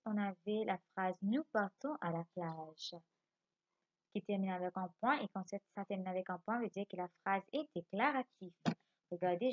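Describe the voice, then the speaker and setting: A Mauritian French schoolteacher takes young pupils through a remote lesson step by step, pausing to check they understand. Her voice sits in the middle range for a woman. The home recording sounds a little dull. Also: medium pitch. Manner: slow, patient explaining with frequent checks for understanding. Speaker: primary school teacher.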